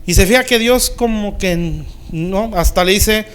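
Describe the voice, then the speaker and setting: High-voiced male pastor preaching. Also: a little slow, fairly bright tone, clean tone. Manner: keeps asking the congregation "¿sí?" to check they follow; plain, conversational preaching with everyday sayings. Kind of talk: sermon.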